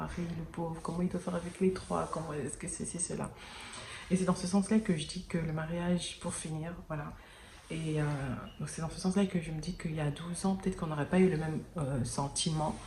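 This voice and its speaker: A woman talks straight to camera in a casual, earnest way, her voice sitting a little low and halting often as she restarts her sentences. With no separate mic, the sound is roomy and echoey, and a faint hum of background noise runs underneath. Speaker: vlogger. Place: indoors near an airport, daytime. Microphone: no external mic, camera mic. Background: planes and sirens passing.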